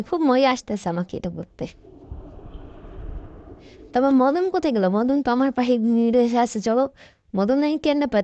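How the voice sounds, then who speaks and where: A woman giving casual, excitable let's-play commentary, chatting to herself as she plays. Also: fairly high pitch, lo-fi sound. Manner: chatty, excitable, talks to herself while playing. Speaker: gameplay commentator.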